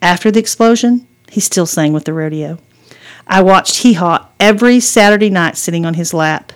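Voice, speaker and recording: A woman's voice: on the low side, normal speed, clear, resonant tone, lightly acted. A woman reading as a wry, sarcastic mother. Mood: reminiscing. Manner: dry, sarcastic humor. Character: wry, teasing mother driving her daughter.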